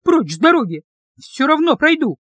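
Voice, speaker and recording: A woman voicing a hot-tempered young female captive who shouts indignant threats in a raised, shrill voice. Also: expressive, brisk, dry recording, lightly acted. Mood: furious.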